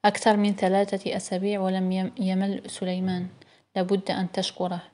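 A woman's voice: medium pitch, completely flat delivery, brisk, a little mellow, close to an everyday voice. Woman voicing a tired pregnant young woman.

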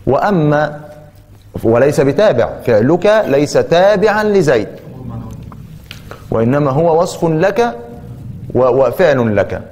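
A man teaching a grammar lesson, explaining deliberately and stressing and repeating key terms. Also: a little high, sing-song, darkish tone, in a large hall.

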